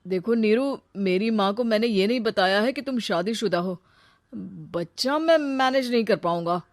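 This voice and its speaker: A woman voicing a smooth-talking young male suitor in a story, brisk and insistent. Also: mid-range voice, dry recording, studio quality, natural voice. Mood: concerned, insistent.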